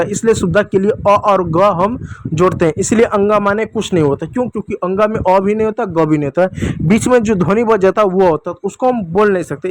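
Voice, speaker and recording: A man with a fairly high voice teaches children the alphabet, drawing out each vowel sound and repeating it so they can say it with him. His tone is patient and instructive. A faint hiss of noise sits under the recording. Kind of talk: Hindi alphabet lesson for children.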